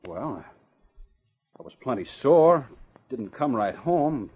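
An actor playing a defensive, hot-headed young trapper in a 1950s radio drama. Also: male voice, medium pitch, big pitch swings, slow pace, darkish tone, breathy edge, exaggerated voice. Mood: agitated. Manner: defensive, agitated. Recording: dull old radio broadcast.

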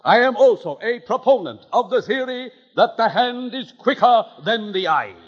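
A flowery snake-oil doctor. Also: male voice, animated, moderate pace, slightly rough, exaggerated voice. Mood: grandiose. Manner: grandiose, flowery pitchman patter. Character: smooth-talking swindling medicine-show doctor. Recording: dull old radio recording with long reverb.

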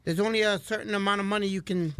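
Male radio contributor, high and sharp, dry sound, informal news talk. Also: fairly even intonation, fairly quick, smooth, dry recording. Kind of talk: informal news discussion in Spanish with some English.

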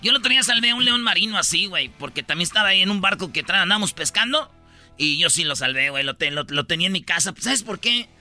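Bright, lively Mexican man hosting a comedy radio show. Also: high voice, fast talker, faint music behind. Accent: Mexican Spanish. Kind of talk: joking radio banter.

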